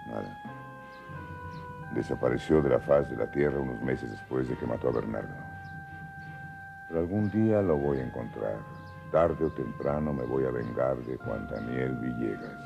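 A man's voice: very deep voice, vocal fry, heavily acted. An actor playing a stern, bitter older father who swears revenge. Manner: stern, brooding.

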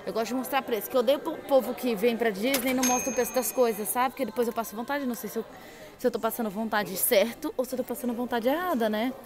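A woman's voice: on the high side, quick pace. A young woman from Brazil chatting and gushing to her viewers while browsing gift shops. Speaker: travel vlogger. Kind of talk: casual vlog walkthrough. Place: indoor gift shops at a theme park.

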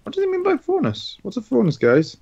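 A man's voice: very high voice, wildly swooping pitch, fairly quick, creaky, a little mellow, slightly rough, lo-fi sound. A man streaming casual banter, teasing and joking.

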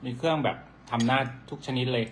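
A man's voice: medium pitch, fast, a little hiss or hum. A man with an Isan Thai accent, a doctor, chatting casually and bickering back with his partner. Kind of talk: casual couple chat.

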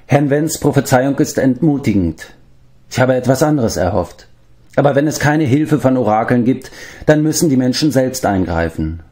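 A man's voice: mid-range voice, expressive, moderate pace, a little mellow, voice pushed up, close to an everyday voice. A man voicing a stern, resolute male warrior lord who speaks in a grave, commanding way.

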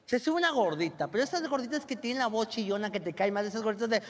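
A young adult man with a Mexican accent telling a crude, animated stand-up story. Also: sits high, fast. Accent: Mexican Spanish. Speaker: stand-up comedian. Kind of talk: stand-up comedy monologue.

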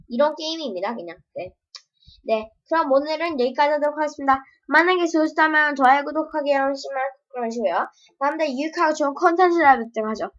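A woman demoing her own game with casual, playful commentary, full of sound effects and yelps. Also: high voice. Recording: dull lo-fi home recording.

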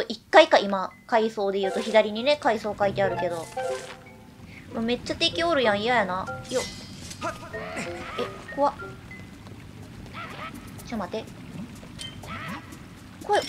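A woman with a Kansai accent gives live gameplay commentary in a high, bouncing voice that swings widely in pitch. She is excitable and keeps calling out her own moves with exclamations and repeated words. Game music plays clearly underneath. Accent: Kansai Japanese. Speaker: let's-play streamer.

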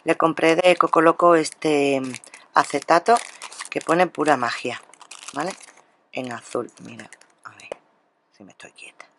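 This is a craft vlogger from Spain going over her haul at a table in a casual, chatty manner, addressing viewers directly and often starting her sentences over. She speaks low and unhurriedly, with long pauses and a slightly bright tone. A faint hiss or hum is audible.

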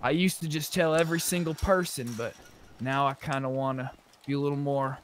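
A man in a zombie survival roleplay talks casually in character over a gaming mic, the voice chat clearly noisy. His mid-range voice holds a steady tone and a brisk pace.

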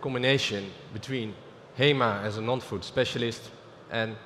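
A man's voice: mid-range voice, steady tone, fairly bright tone, slight background noise. Dutch-accented man in a reverberant hall. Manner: halting, with frequent fillers and restarts. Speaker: keynote speaker. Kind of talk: business keynote presentation. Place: large conference stage. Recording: reverberant hall with faint ambience.

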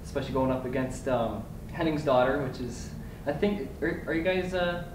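A man asking questions at a press conference, halting and restarting his sentences. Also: mid-range voice, distant mic. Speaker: reporter. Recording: echoey room, off-mic, noisy.

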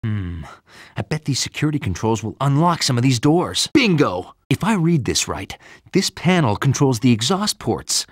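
Wisecracking Spider-Man, lively American hero. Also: mid-range voice, moderate pace, slightly rough, no room sound, studio quality. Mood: wry, thinking aloud. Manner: quippy, animated. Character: wisecracking young male superhero, cocky and upbeat. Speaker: video game character. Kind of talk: video game voice acting, quips and hints.

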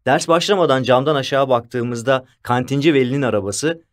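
Casting: a man with a mid-pitched voice, reading a first-person audiobook in an even storytelling way. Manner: measured storytelling. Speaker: audiobook narrator. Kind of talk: scripted first-person narration.

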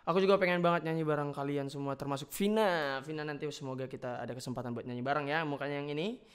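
A man's voice: on the high side, steady tone, clean tone. A man reacting playfully to fan voice notes in casual chat. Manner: playful, chatty, quick reactions.

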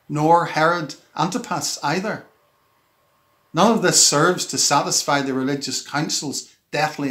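A man giving a scripted devotional reflection and reading scripture in a measured, solemn way. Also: fairly high pitch, a bit bright. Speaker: church minister.

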